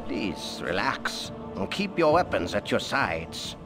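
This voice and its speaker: An actor playing a smooth, menacing thief guildmaster who speaks slowly and soothingly in a video game. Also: male voice, on the low side, sing-song, music in the background. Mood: falsely welcoming.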